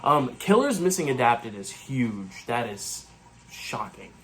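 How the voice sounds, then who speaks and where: A man with a mid-pitched voice gives live reaction commentary as a movie channel host. He is excitable, answering each moment in short, clipped remarks. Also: slow.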